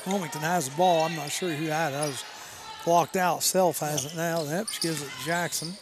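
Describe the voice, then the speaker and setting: A man doing play-by-play commentary for a local high school basketball broadcast, joking between plays. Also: a little fast, background noise. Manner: jokey, calls plays excitedly. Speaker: play-by-play announcer.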